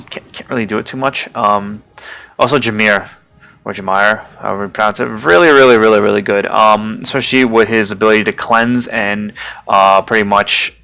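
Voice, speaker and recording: A man giving casual, hesitant commentary over his own gameplay, often pausing with fillers and forgetting names. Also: fairly low pitch, sharp tone. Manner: hesitant, many fillers, loses track of names. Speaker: gaming video creator.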